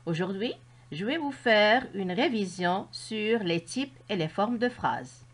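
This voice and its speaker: A woman teacher with a Moroccan French accent, explaining a grammar lesson to children slowly and with careful articulation. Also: medium pitch, lively intonation. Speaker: primary school teacher.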